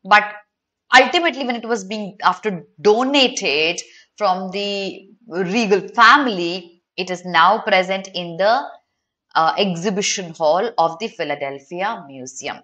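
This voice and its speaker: In an unhurried, mid-range voice with a fairly bright tone, a young woman with an Indian accent leads an online exam session. She talks directly to the students, poses pointed questions about each option, and alternates between Hindi and English.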